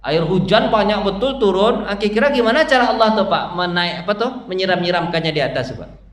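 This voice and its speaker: Speaking briskly and expressively in a high, slightly bright voice, a male Islamic preacher leads a dawn study session in a mosque hall. His style is chatty, full of questions to the listeners and homely, humorous illustrations. The hall echoes, and faint noise sits in the background.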